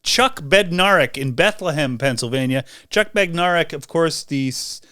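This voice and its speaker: A man's voice: a little high, lively intonation, moderate pace, pushed and bright, dry recording, studio quality. A man co-hosting a casual sports podcast, reading sports trivia and joking around with his co-hosts. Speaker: podcast co-host.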